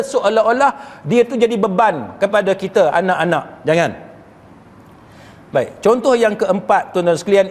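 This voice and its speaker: A man's voice: sits high, in a large hall. A male Islamic preacher gives a chatty religious lecture, often tossing rhetorical questions to his listeners. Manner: chatty, rhetorical questions to the audience, occasional chuckles.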